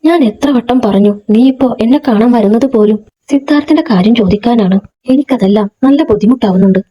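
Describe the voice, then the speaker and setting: A woman's voice: a little high, fairly quick, slightly rough, lo-fi sound. A woman voicing a young man in a storybook, a frustrated friend pleading to be heard, in an earnest, pressing way.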